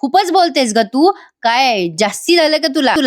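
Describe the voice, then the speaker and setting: A woman's voice: fairly high pitch, steady tone, a little fast, close to an everyday voice. A woman voicing a pushy male builder who bullies and threatens. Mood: threatening. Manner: scolding, bullying.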